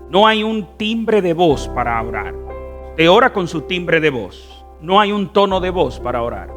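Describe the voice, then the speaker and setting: A man with a Dominican accent preaching a fervent sermon as pastor, swinging between soft, drawn-out phrases and loud emphatic ones. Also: on the high side. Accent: Dominican Spanish. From Dominican Republic. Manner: fervent preaching with wide swings in loudness and stretched words.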